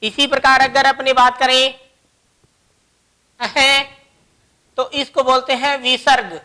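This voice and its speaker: A woman's voice: high voice, flat delivery, slow, sharp tone. A woman teaching a grammar lesson, explaining each example word by word.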